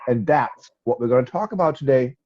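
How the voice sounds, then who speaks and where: A man's voice: medium pitch, lively intonation, a little fast, lo-fi sound. A man co-hosting a children's show in a chatty presenting style.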